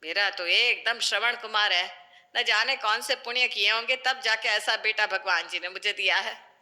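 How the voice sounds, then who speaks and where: A woman's voice: medium pitch, normal speed, pushed and bright. An actress playing a nagging, doting middle-aged mother-in-law who scolds and preaches.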